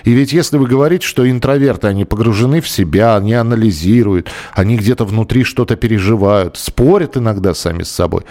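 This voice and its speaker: A man's voice: on the low side, fast, hardly any pauses, darkish tone. A man hosting a talk show, reading out listener messages and talking them over in a conversational way with some hesitations. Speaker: radio show host.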